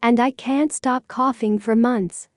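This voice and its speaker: A woman with a fairly high voice reads a short first-person story in plain, measured sentences. Her delivery stays even and simple. The sound is close and dry. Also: dry recording. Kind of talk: slow read-aloud example story.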